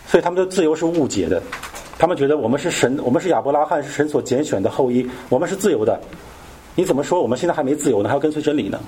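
A man's voice: on the high side, expressive, very fast, warm tone, slight background noise. A man teaching a Bible study in a casual, conversational way, often asking his listeners questions.

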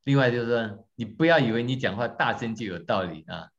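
A man teaching a church class, talking in a lively way, quizzing his audience and joking about himself. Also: medium pitch, a little fast. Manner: lively, questions the audience, tells jokes on himself. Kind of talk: interactive teaching talk. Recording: dull lo-fi recording.

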